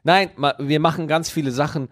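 A man's voice: fairly high pitch, fairly even intonation, a little fast, dry recording, clean studio sound. A man co-hosting a podcast in casual chat, emphatic and opinionated. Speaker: podcast co-host.

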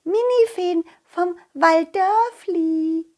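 A woman voicing tiny playful mushroom fairies in a children's audio story, with high, giggly, squeaky voices. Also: drawn-out words, warm tone, heavily acted.

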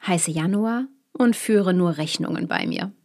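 A woman's voice: on the low side, unhurried, darkish tone, close to an everyday voice. Woman voicing a boastful fur-clad merchant January. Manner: boastful, generous.

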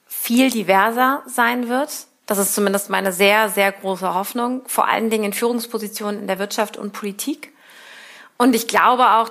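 A woman politician answering interview questions in an earnest, thoughtful way, pausing often with fillers. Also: medium pitch, a bit bright.

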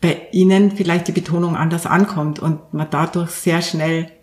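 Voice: medium pitch, fairly even intonation, normal speed, a little mellow. A communication coach, a guest on a podcast, explaining ideas earnestly with examples and many fillers. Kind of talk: explanatory interview talk. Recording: echoey room.

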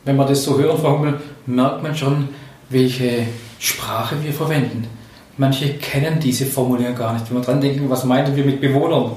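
A man's voice: medium pitch, fairly even intonation, moderate pace, a little mellow. A man hosting a podcast, explaining and asking questions like a leadership trainer. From Swabia, Germany. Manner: explanatory, asks questions, coaching tone. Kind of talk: conversational podcast talk. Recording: very echoey room, distant mic.

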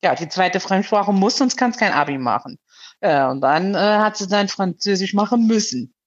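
A woman's voice: mid-range voice, lively intonation, moderate pace, dull audio. A woman in her fifties calling in, telling a personal story in casual chat with many hesitations. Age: 50s. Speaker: caller.

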